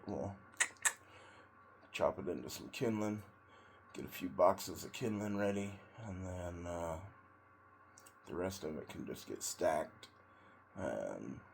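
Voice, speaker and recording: Very deep, slow, halting man in ice water. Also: creaky, slight background noise. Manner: halting, long pauses between short phrases; sitting in ice cold water while talking. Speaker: vlogger, tradesman in auto body and paint. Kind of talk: casual rambling monologue.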